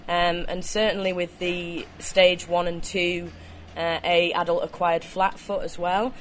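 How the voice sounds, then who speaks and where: Lower-voiced woman interviewed on a ski slope. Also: flat delivery, measured pace. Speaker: interview guest, podiatrist. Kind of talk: conversational interview answers. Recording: noisy outdoor recording with ambient sound.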